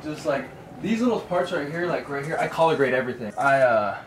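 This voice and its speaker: A young man chatting casually, explaining things quickly and eagerly. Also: mid-range voice, expressive, far from the mic, noisy background. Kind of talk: casual chat. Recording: echoey, off-mic, loud music.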